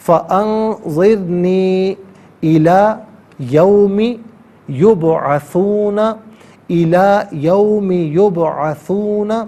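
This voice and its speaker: A man with a mellow, warm voice teaching Quran recitation in a televised lesson. He explains the rules in a methodical way and slows into drawn-out melodic chanting for the verses. A faint hiss sits behind him. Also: high voice. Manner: steady, methodical counting and rule explanation. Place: TV studio.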